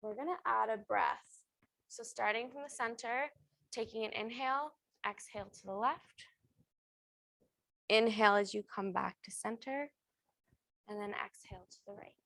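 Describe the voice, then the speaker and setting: A woman leads a beginner strength and flexibility class as an aerobics instructor, calling out short, encouraging cues and counts. Her voice sits on the high side and is a bit bright and creaky, moving at a moderate pace with frequent pauses. There's no echo in the recording.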